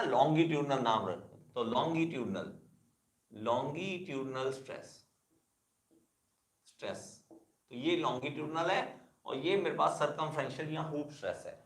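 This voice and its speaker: In an engineering classroom lecture, the male teacher addresses his students as kids and returns again and again to the key terms. His voice is on the high side, with lively intonation and a moderate pace, and the sound is reverberant.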